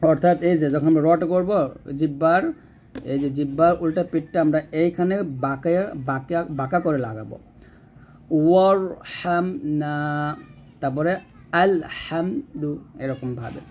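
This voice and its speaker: A man teaching Quran reading, explaining rules patiently and drawing out slow recited examples. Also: fairly high pitch, darkish tone, slight background noise. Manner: patient step-by-step explanation, asks and answers own questions.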